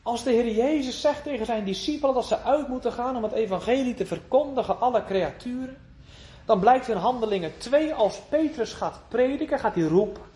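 High-voiced man preaching earnestly. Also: a little fast. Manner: earnest, swinging between emphatic raised lines and hushed tender phrases; uses old biblical phrasing and rhetorical questions. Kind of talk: sermon.

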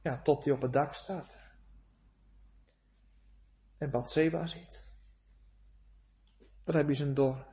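A man preaching a sermon, moving from quiet, hushed passages to rising, pleading cries. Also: fairly high pitch, fairly even intonation, takes it slowly, pauses often.

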